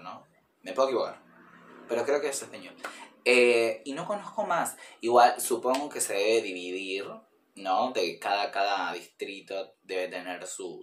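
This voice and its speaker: Man, Argentine accent, casual reaction host, rambling with fillers, lowish voice, faint hiss behind. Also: a bit bright, echoey room. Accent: Argentine Spanish. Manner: rambling, many fillers, addresses viewers directly.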